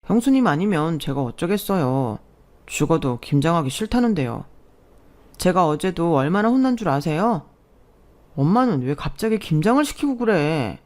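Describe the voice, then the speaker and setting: A woman's voice: on the low side, sing-song, moderate pace, darkish tone. A woman voicing a grumbling younger brother-in-law who whines about chores in a read-aloud story. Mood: sulky. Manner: whiny, complaining.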